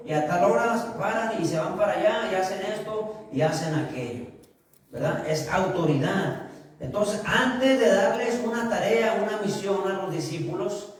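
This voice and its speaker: A man preaching a sermon as pastor, asking the congregation questions and answering them himself, slowing down to stress key phrases. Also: high-pitched. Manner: slows down for emphasis on key phrases. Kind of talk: sermon with humorous anecdotes. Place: church sanctuary. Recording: echoey church hall, distant mic.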